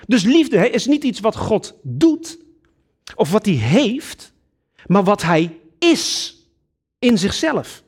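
A man's voice: sits high, slow, long pauses, slightly rough. A man preaching a sermon, earnest and emphatic, addressing his congregation directly. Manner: earnest, lively preaching with sudden emphatic rises.

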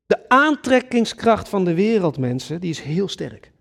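A man's voice: high voice, unhurried, gravelly, breathy edge. A man preaching a sermon, earnest and emphatic, addressing his congregation directly. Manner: earnest, lively preaching with sudden emphatic rises.

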